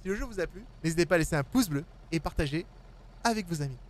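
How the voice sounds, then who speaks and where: A man's voice: fairly high pitch, expressive, quick pace. A man, a gaming YouTuber, giving casual let's-play commentary and joking with the characters on screen. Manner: playful, jokes with the game characters.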